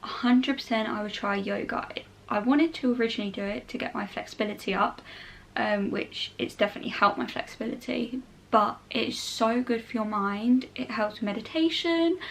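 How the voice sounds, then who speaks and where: Higher-voiced young southern English woman, chatting casually. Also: moderate pace, slight background noise. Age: young adult. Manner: chatty, informal, frequent "like" and "obviously". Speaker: vlogger answering viewer questions. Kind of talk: casual Q&A chat to camera.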